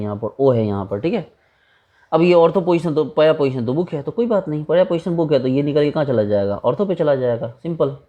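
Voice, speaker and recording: A man's voice: fairly high pitch, highs cut off. A man teaching a chemistry lecture in a casual, chatty way, asking rhetorical questions and calling students brother.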